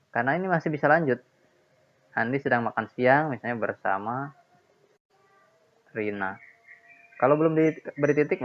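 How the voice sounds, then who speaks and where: Man, teacher, grammar lesson, patient, repeats points, dull lo-fi recording. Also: medium pitch. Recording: dull lo-fi sound.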